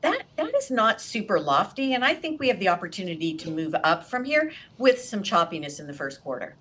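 A woman's voice: medium pitch, big pitch swings, brisk, fairly bright tone, slight background noise. A woman, an investment guest on a video call, giving conversational analysis. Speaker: investment chief interviewed as guest.

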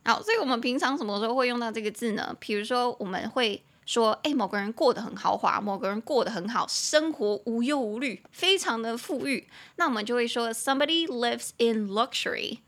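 Young woman, podcast English teacher, bright tense voice, slightly high, lively, spells words out slowly. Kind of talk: casual language lesson.

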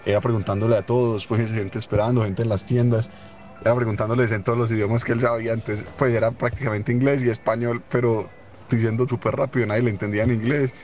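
A young man telling a funny anecdote in a rapid, rambling, amused way. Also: mid-range voice, steady tone, darkish tone, faint music behind. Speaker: storyteller. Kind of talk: casual anecdote.

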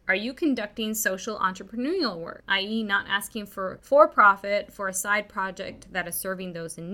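A woman's voice: mid-range voice, bright, forceful tone. A woman hosting a podcast on grant funding, talking in an upbeat, chatty way with light laughs between points. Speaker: podcast host and grant writing consultant. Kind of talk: casual podcast monologue.

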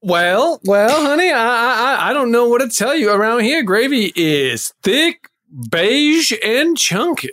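A woman's voice: a little high, very animated, a little slow, hardly any pauses, a bit bright. A woman playing a sugary, passive-aggressive diner waitress with a Southern accent and folksy, syrupy manner, in improvised comedy. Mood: condescendingly sweet. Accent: American South. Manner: folksy, syrupy, hesitant repetitions.

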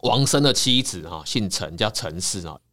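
A man, a counseling psychologist telling a folk tale in a lively, dramatic way on a podcast. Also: lowish voice, moderate pace. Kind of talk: animated storytelling in a podcast.

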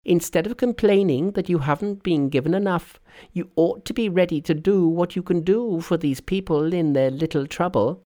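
A man voicing a bossy, cheeky trickster monkey in a storybook reading, brisk and commanding. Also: high voice, dark tone, voice pushed up, lightly acted. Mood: scolding.

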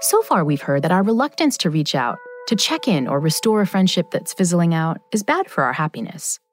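A woman's voice: on the low side, sing-song, brisk, soft background music. A woman hosting a podcast in scripted, explanatory narration. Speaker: podcast host.

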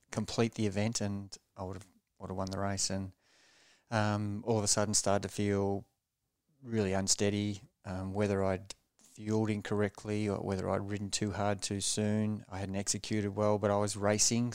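A man recalls his racing days as a podcast guest, speaking in a measured, low-key way. His voice sits low and stays flat and even. It comes through smooth and resonant in a dry, close recording. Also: dry recording. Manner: measured and low-key, often restarting phrases. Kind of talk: reflective storytelling in a podcast interview.

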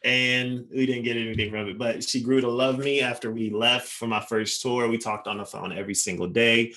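A young man, a touring basketball player, telling lively anecdotes in a casual interview with quick asides. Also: medium pitch.

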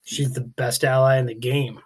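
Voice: mid-range voice, level tone, normal speed, slightly rough. A podcast co-host in casual chat, playful and teasing.

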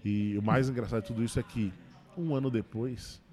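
A man who works as a stand-up comedian, telling a personal story in a relaxed interview. He talks fast and with feeling, stumbling and restarting his sentences as he goes. His voice sits at an ordinary middle pitch for a man. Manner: fast, emotional retelling with many restarts.

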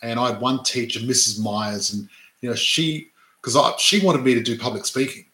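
A man from Adelaide talks in a relaxed, rambling way, often checking in with "right?" and restarting his sentences. His voice is bright and forward, and it bounces in an echoey room. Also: mid-range voice, normal speed. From Australia (Adelaide). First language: not English; parents were immigrants. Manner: chatty, tags statements with "right?", many restarts. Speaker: podcast co-host, real estate investor. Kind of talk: casual chat.

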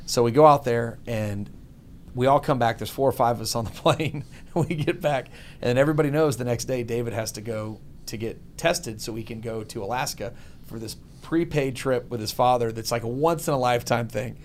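A man from Texas hosting a casual chat, telling stories with lively voice mimicry. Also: mid-range voice, brisk, slight background noise. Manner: animated storyteller, mimics voices.

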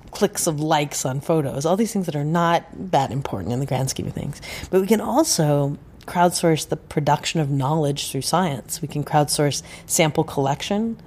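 Low-voiced woman, earnest and measured. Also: a little mellow. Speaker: interview guest. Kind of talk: thoughtful explanation in interview.

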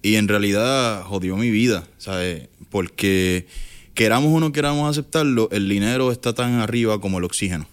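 A man's voice: fairly low pitch, normal speed, clean tone. A man in his thirties from Puerto Rico with a Puerto Rican accent, a guest talking casually about his life and money, dropping English words and restarting often. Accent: Puerto Rican Spanish. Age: 30s. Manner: mixes English words, many restarts and fillers. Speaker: guest entrepreneur. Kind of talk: casual interview talk.

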